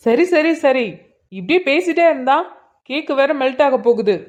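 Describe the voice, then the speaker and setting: A woman's voice: sits high, lively intonation, normal speed, muffled recording. A woman voicing a caring, earnest younger brother in a cartoon drama. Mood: bossy.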